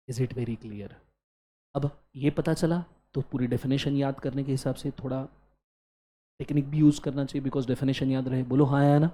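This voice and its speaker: Man, Indian accent, law lecturer, animated, call-and-response drilling, playful scolding. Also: mid-range voice. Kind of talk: classroom lecture.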